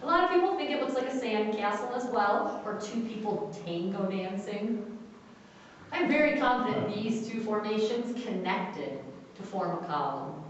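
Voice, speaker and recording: A woman's voice: medium pitch, expressive, moderate pace, a little hiss or hum. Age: adult. Sex: woman. Role: cave tour guide. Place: underground cave. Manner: directs the group and points things out with a laser. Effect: cave echo. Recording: echoey cave, far from the mic, dull lo-fi.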